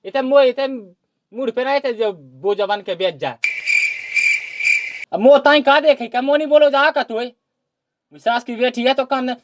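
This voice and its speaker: A man's voice: very high voice, a little slow, pauses often, noisy background. A man playing an exasperated village husband in a comedy sketch, grumbling at length. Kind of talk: rural comedy sketch acting. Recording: music playing under the voice.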